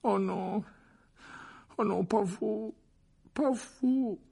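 A man's voice: on the high side, brisk, husky, pitched above the performer's own voice. A man reading an audiobook, voicing an injured schoolboy who pleads desperately in a raised voice. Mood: pleading.

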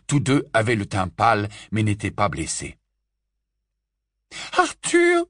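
A man narrating an audiobook in a low, hushed storytelling manner. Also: animated, moderate pace, dry recording, studio quality. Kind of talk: scripted narration.

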